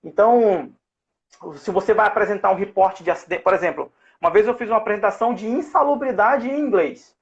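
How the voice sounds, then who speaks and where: A man's voice: sits high, a little fast, gravelly, lo-fi sound. A Brazilian man hosting a live interview, explaining in a didactic way with many fillers and restarts. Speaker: host and safety-at-work English teacher. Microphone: online live call.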